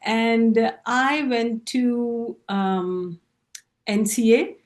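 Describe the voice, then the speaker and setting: A middle-aged woman from Pakistan, speaking as a guest on a video-call interview, unhurried and hesitant with fillers. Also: a little high, steady tone. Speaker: guest artist. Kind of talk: relaxed interview conversation.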